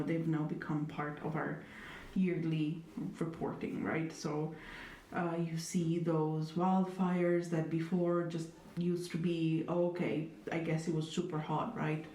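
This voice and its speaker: A young woman from Italy, with a fairly low, warm voice, is the interviewee in a reflective conversation. She speaks thoughtfully, hedging constantly and using lots of fillers, with a wry, dry humor running through. Faint noise and an echoey room are audible through the distant mic.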